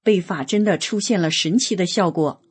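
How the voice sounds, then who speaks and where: Husky woman reading an earnest testimony. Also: on the low side, normal speed. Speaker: reader of a personal testimony. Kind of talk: scripted reading of a spiritual testimony.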